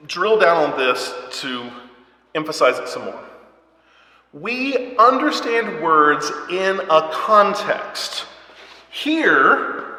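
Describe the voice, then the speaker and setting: A man leads a church Bible study, walking through the material step by step and frequently asking "right?" or "okay?". His voice is high-pitched and sharp, and the church hall recording carries a long, echoing reverb.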